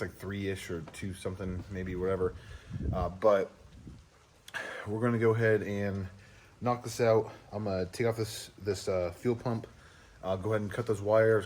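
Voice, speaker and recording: A man vlogging his truck work outdoors, rambling casually with lots of fillers and throat clearing. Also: fairly low pitch, a little mellow, slight background noise. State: out of breath. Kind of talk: casual DIY vlog.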